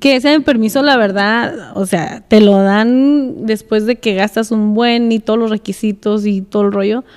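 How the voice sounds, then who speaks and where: A woman telling a story in a relaxed podcast chat, laughing often and slipping English words in. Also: mid-range voice, moderate pace, hardly any pauses, smooth, big-room sound. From United States. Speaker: podcast guest, escaramuza rider.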